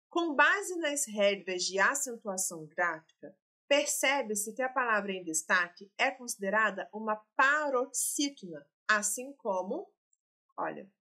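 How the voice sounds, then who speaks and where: A woman's voice: medium pitch, bright, forceful tone. A woman, teaching and working through exam questions, explaining and talking straight to her students. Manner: explanatory, addresses students directly.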